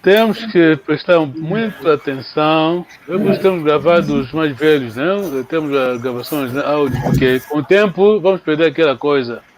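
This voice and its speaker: A man's voice: on the high side, normal speed, few pauses, background noise. A man teaching a language in a live online lesson, chatty and coaxing, repeating words for students to practise.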